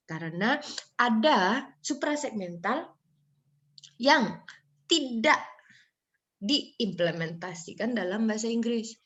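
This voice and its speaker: Woman lecturer, dull audio. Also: fairly low pitch. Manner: mixes Indonesian with English, demonstrates tones aloud. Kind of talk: online phonology lecture.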